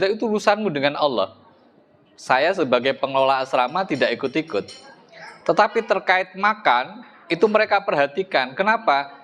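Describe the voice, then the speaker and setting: A man's voice: a little high, a bit bright. A middle-aged man with an East Javanese accent giving a religious study lecture in a mosque, talking conversationally and asking his listeners rhetorical questions. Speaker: Islamic religious teacher.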